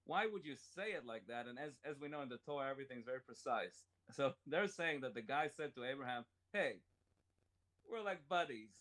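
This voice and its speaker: A man's voice: fairly high pitch, fairly bright tone. A man hosting a casual Torah study chat, explaining step by step with jokes and everyday examples, and reading commentary aloud and translating it. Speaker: Torah class host.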